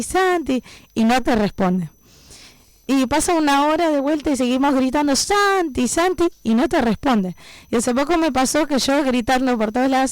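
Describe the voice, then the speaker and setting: Young woman, warm mellow tone, dry close sound; casual preaching with lots of tag questions. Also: a little high, smooth, no room sound. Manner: conversational, frequent tag questions. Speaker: radio preacher.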